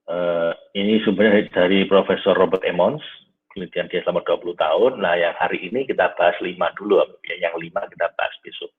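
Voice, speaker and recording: Low, husky man teaching over a tinny line. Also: fairly even intonation, fast. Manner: warm, conversational lecturing, often says "Nah" and addresses "Bapak Ibu". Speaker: teacher of an online class. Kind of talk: live online class with questions from listeners. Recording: tinny phone-like audio.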